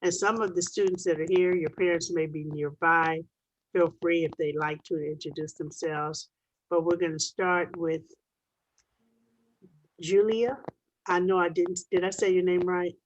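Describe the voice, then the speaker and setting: A woman's voice: lowish voice, fairly even intonation, a little slow, a little hiss or hum, low-quality recording. A woman hosting a virtual meet-and-greet on a video call, friendly and chatty. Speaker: host. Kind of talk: casual virtual meeting.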